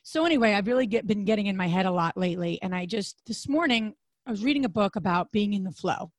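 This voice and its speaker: A woman co-hosting a podcast in a casual chat, her voice raspy and hoarse, with a chatty manner full of restarts. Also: fast, no echo. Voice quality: raspy, deep voice. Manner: chatty, frequent restarts and fillers. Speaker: podcast co-host.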